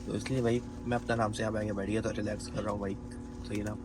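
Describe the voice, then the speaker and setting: Talking very fast with a fairly low voice and little pitch movement, a young travel vlogger from Pakistan chats casually into his handheld phone amid heavy noise. He has a Pakistani Urdu accent and keeps asking viewers whether he's right.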